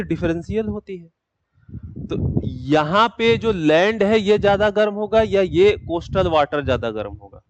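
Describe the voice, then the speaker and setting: A man with a high-sitting voice teaches a geography class, posing questions to his students, answering them himself, then dictating notes. There's a little hiss or hum in the recording.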